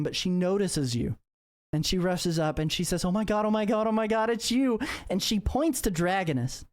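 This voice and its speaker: A woman runs a tabletop game, narrating with a slightly low voice. She stops and restarts often and fills the gaps with uh and um. Her telling is loose and unhurried. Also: darkish tone. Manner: filler-heavy, halting narration. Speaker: game master.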